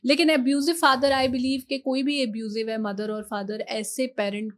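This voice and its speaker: A woman being interviewed on a podcast, explaining patiently with examples, slipping English phrases in and pausing on fillers. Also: high-pitched, flat delivery. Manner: measured with hesitant fillers. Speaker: guest expert on relationships.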